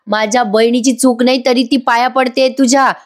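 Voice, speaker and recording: A woman's voice: a little high, steady tone, normal speed, close to an everyday voice. A woman voicing a stubborn middle-aged father in her own voice, speaking sternly and dismissively.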